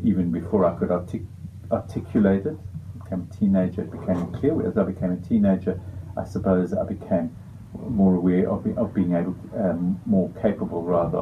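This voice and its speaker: A man answering interview questions, hesitant and reflective, often searching for words. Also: sits low. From South Africa. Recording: dull lo-fi with faint noise.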